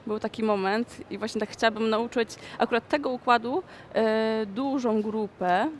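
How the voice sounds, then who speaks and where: This young choreographer has a fairly high, steady voice as she responds to interview questions in a relaxed, halting way. The mall recording carries a little hiss or hum.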